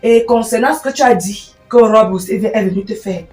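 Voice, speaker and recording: An exasperated married younger sister lecturing her freeloading brother, played by a woman. Her voice is high and emphatic as she scolds in a comedy sketch. It sounds roomy and distant, with faint music behind. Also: normal speed, a little mellow, close to an everyday voice. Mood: scolding. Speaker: comic actress.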